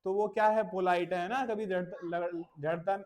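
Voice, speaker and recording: A woman's voice: on the low side, fairly even intonation, moderate pace, darkish tone. A woman teaching a classroom of children, patiently repeating short phrases and drilling them again and again. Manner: patient, repetitive drilling, calls pupils "beta". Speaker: English teacher. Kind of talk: classroom phrase lesson mixing Hindi and English.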